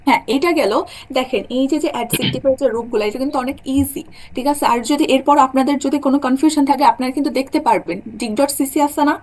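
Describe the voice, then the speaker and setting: A woman's voice: sits high, fast talker, darkish tone. A young woman teaching a German class, explaining rules step by step and often checking that her students follow. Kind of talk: online class lecture.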